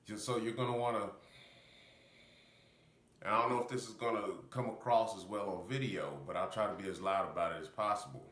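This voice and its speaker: A man's voice: on the low side, fairly even intonation, fairly quick, a bit bright. A man with congested sinuses giving casual, loosely explained instruction in a breathing technique. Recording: roomy echo, faint background noise.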